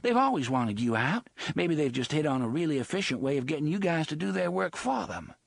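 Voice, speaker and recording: A man's voice: fairly high pitch, sing-song, a little fast, gravelly, dry recording, studio quality, pitched above the performer's own voice, heavily acted. A man voicing a harsh, insistent woman gunslinger. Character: determined young woman gunslinger, sharp and insistent.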